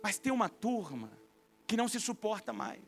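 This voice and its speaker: A man in his thirties with a Brazilian Portuguese accent, preaching a sermon as a pastor and telling stories with lively acted-out voices. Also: high voice, moderate pace, creaky, soft background music. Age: 30s. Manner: animated storytelling, acting out quoted voices.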